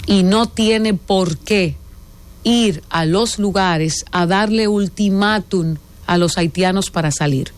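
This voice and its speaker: A Dominican woman with a Dominican Spanish accent delivers an emphatic, indignant opinion monologue as a political commentator. Her fairly low voice stresses each point with deliberate force.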